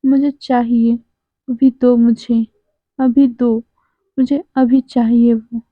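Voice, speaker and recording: A woman's voice: fairly high pitch, level tone, slow pace, dry recording. A woman voicing a desperate young man who begs tearfully, over and over, for his children. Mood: tearful pleading. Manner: sobbing, repetitive begging. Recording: tinny phone-like sound.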